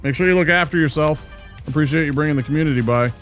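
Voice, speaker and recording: A man with a fairly high voice talks fast while streaming a video game live, casually chatting with viewers and musing aloud in a relaxed way as he plays. Soft music plays in the background.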